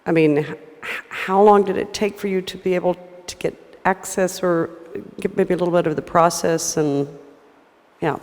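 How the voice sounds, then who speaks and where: Hesitant moderator in an echoing hall. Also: male voice, sits high, fairly even intonation, moderate pace, a little mellow. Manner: hesitant, searching for words with uhs. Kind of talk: moderating a lecture Q&A. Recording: reverberant lecture hall.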